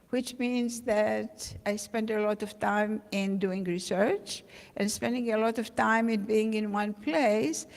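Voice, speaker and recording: A woman presents her art practice at a symposium, unhurried and measured, pausing on ums. Her voice sits a little high with a gravelly edge. The sound carries the long ring of an echoey hall. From Greece. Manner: measured, with frequent ums and uhs. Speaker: invited artist. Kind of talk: symposium talk.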